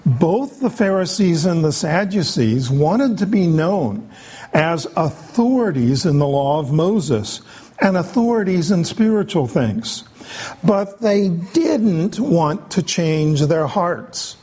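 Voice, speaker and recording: A man preaching a sermon, explaining scripture in an unhurried way with frequent pauses. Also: fairly high pitch, very animated, dark tone, husky. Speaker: pastor.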